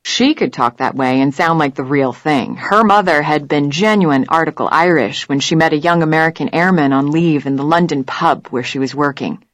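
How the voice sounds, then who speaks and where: Low-voiced woman narrating a story. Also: moderate pace, hardly any pauses, dry recording. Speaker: audiobook narrator. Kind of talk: scripted narration.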